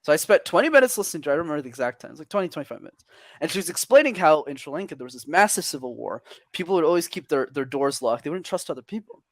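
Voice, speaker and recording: A young man from Canada, a podcast guest, telling stories in energetic, extroverted casual chat. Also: a little high, rapid-fire, dry recording, clean studio sound.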